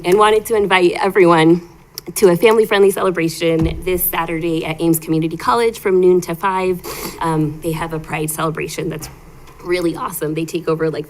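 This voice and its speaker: A woman's voice: deep voice, slight background noise, low-quality recording. A woman on a school board sharing proud, upbeat remarks at a meeting, chatty with fillers.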